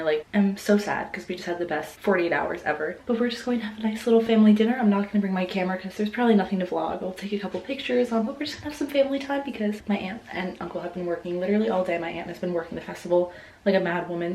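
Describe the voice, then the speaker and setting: Fast-talking young woman vlogger, chatty. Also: on the low side, dark tone, a little hiss or hum. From Pennsylvania. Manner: chatty, gushing, peppered with "like". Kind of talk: casual vlog chat.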